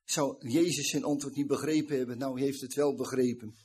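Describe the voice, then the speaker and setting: Delivering a sermon, a preacher earnestly explains a scene from scripture in a slightly husky, breathy, a little mellow voice of moderate male pitch. His pace is brisk and his tone steady.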